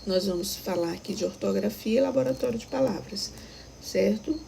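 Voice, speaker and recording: A woman's voice: medium pitch, moderate pace, vocal fry, mellow, a little hiss or hum, rough recording. A Brazilian woman teaching a recorded primary school lesson, patiently explaining step by step and checking that the children follow. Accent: Brazilian Portuguese.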